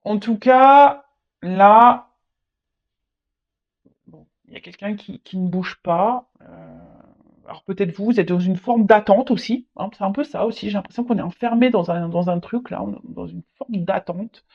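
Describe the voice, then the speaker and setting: A tarot reader giving a casual reading, speaking haltingly, repeating words and adding frequent tag words. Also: medium pitch. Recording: dull lo-fi recording.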